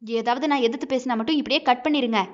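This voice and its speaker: A woman's voice: fairly high pitch, fast talker, dull audio, lightly acted. A woman reading a bitter defiant young wife. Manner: sharp, bitter, arguing back.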